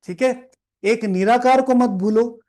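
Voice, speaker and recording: Male spiritual teacher with a fairly high voice, unpacking a scripture passage in a reflective, repetitive way, English words mixed in. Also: measured pace, dark tone. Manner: repeats key phrases for emphasis; mixes English words into Hindi. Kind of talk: explaining a scripture reading.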